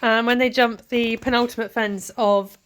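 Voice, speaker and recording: A woman's voice: on the high side, steady tone, moderate pace, fairly bright tone. A woman, giving a chatty, casual voice-over about her own riding footage, with lots of ums and asides. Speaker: vlogger and event rider.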